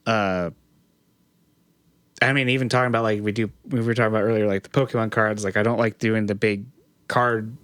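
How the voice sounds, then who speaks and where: Man, low voice, casual podcast co-host, loose rambling delivery full of fillers, dry close sound. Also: steady tone, brisk, pauses often, fairly bright tone, dry recording. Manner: rambling, many fillers and restarts. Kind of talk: casual chat.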